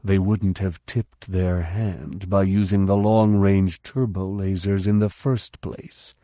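A man voicing a cold male military colonel who speaks slowly in a deliberately calm, measured way. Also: sits low, no room sound, clean studio sound. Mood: cool, controlled.

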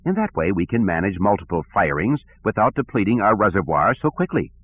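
A man voicing a squat, bald male technical officer who speaks in a measured, advisory way. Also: fairly low pitch, very animated, breathy edge, no echo. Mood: advising. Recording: tinny phone-like audio.

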